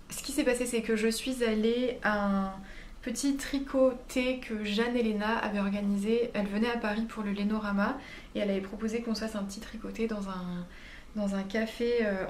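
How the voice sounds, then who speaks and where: A woman talking through her knitting projects in a relaxed vlog, with many fillers and quick corrections. Her voice sits at an ordinary pitch and carries a clear room echo. A faint background hum stays underneath. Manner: chatty and hesitant, many fillers and self-corrections. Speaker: knitting vlogger. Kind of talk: casual vlog chat.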